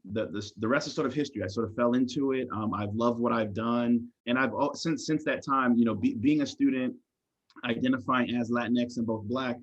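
A man speaking as a podcast guest, answering in a measured, thoughtful way with frequent fillers and restarts. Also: medium pitch, breathy edge. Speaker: guest, assistant dean of students. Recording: dull lo-fi sound.

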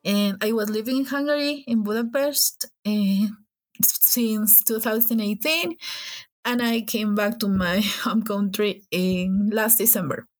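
A young Ecuadorian woman, a native Spanish speaker with an Ecuadorian Spanish accent, chats casually and giggly as a podcast guest. Her voice is medium-pitched and a little slow.

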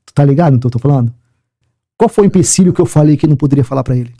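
A man, a police sergeant telling a personal faith story in an interview, acting out dialogue and sinking very low at emotional points. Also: very fast, mellow. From Rio de Janeiro, Brazil. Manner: emphatic storyteller who acts out dialogue and drops very low in emotional moments.

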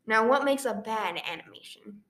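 A woman's voice pitched a little high, chatting loosely with friends and often losing her thread before starting over. Her voice rings with the echo of the room around her. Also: animated, moderate pace, a bit bright. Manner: rambling, trails off and restarts. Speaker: podcast co-host. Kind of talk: casual chat. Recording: roomy echo.

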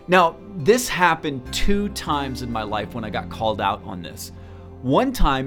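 A man telling a personal story in a talk, earnest and halting, often repeating words as he goes. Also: medium pitch. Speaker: speaker.

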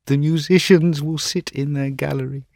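A man's voice: on the high side, fairly even intonation, normal speed, creaky, darkish tone, no room sound, studio quality, pitched above the performer's own voice. A man playing a lovesick young male student in a storybook reading, speaking in an impassioned, yearning way. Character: heartbroken young male student, pining and dramatic.

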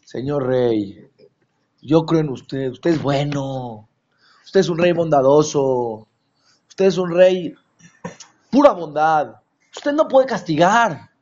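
A man voicing a convicted criminal who flatters a king and begs to be set free. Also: a little high, slow pace, long pauses, muffled recording. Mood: pleading. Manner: pleading, flattering.

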